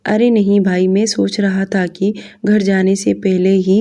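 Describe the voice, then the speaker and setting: Woman reading a kind, anxious younger brother, mellow and gentle. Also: mid-range voice, level tone, a little slow, natural voice. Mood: concerned. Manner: gentle, reassuring.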